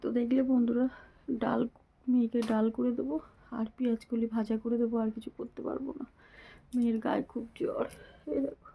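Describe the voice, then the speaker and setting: A woman who is sick with a fever, talking softly and weakly to her viewers in a casual home vlog. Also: fairly high pitch, little pitch movement, fast talker, creaky, slightly rough, phone-quality sound. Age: adult mother. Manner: speaks softly, often near a whisper. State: ill with fever, weak voice. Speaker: family vlogger.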